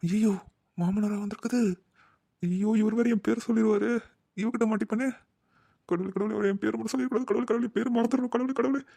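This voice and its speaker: A man's voice: sits high, steady tone, normal speed, gravelly, pauses often, warm tone, dry recording, studio quality. A man voicing a flustered young brother in a cartoon. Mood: panicky. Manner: bickering, panicky asides. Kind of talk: cartoon voice acting.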